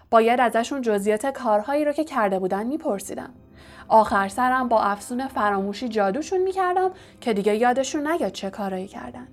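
A woman voicing a vain, evasive male wizard professor who is a fraud, smooth and condescending. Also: on the high side, natural voice. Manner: smooth, self-justifying, condescending.

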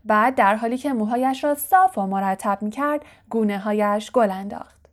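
A woman reading a novel aloud as an audiobook narrator, steady and clear. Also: mid-range voice. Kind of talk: scripted narration.

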